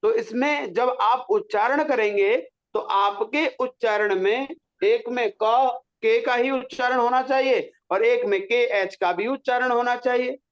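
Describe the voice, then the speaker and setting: A man's voice: extremely high pitch, measured pace, clean tone, dull audio. A man teaching a pronunciation lesson, patiently drawing out syllables to demonstrate them. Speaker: Sanskrit teacher.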